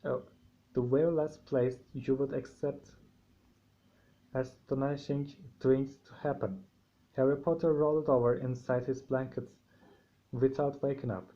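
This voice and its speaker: A man with a sore throat reading a novel aloud, halting, with frequent restarts and slips. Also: medium pitch, fairly even intonation, mellow. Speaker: amateur audiobook reader. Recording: dull lo-fi home recording.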